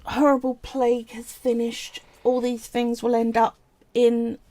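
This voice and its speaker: On a live stream, a woman casually guides viewers through sculpting with polymer clay, chatty and explanatory, often pausing to say "right" and "so." Her voice is a little high with a dark tone and a completely flat delivery, and there's no echo.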